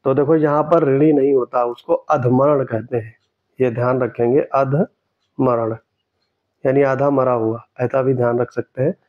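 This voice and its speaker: A man tutoring for an exam, going through test answers in a steady way and repeating each key word for emphasis. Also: medium pitch, moderate pace, lo-fi sound.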